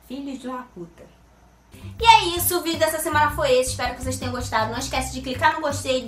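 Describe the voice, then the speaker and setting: Bright-voiced young woman telling a comic story. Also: high-pitched. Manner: animated, dramatic, swings into put-on voices and sung bits. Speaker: vlogger. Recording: echoey room with faint music.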